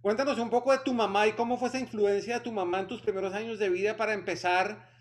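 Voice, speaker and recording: A man's voice: sits high, steady tone, fast. A man interviewing a guest, thanking him and setting up long questions.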